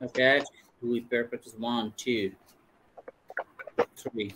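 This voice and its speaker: A young man with a Bangladeshi accent teaching an online English class, slowly drilling questions and answers for students to repeat. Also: medium pitch, completely flat delivery, a little hiss or hum. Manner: slow deliberate drilling of English sentences.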